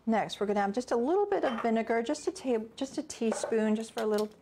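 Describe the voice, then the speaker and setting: With a fairly high, expressive voice, a middle-aged cooking teacher talks fast through a relaxed class at home, chatting and reasoning aloud as she goes. The camera sits a few steps away, and background noise can be heard.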